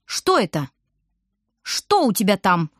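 A woman's voice: very animated, slow, no room sound, studio quality. A woman voicing a nosy, gossiping middle-aged grocer's wife who shrieks and pries. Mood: prying. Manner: shrill, shrieking, prying. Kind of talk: audiobook character voice.

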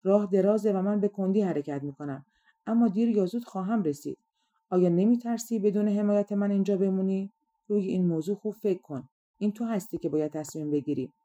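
A woman's voice: mid-range voice, dark tone, dull audio, natural voice. A woman voicing a kindly, helpful frog fairy in an audiobook fairy tale, in an eager, fussing manner. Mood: gentle.

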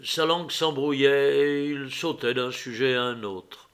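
A man narrating a classic novel as an audiobook reader, in a measured, even reading. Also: medium pitch.

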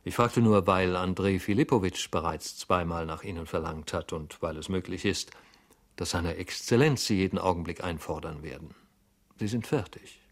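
A man's voice: low voice, moderate pace. A man voicing a fussy middle-aged office head who asks his questions in a dry, matter-of-fact way.

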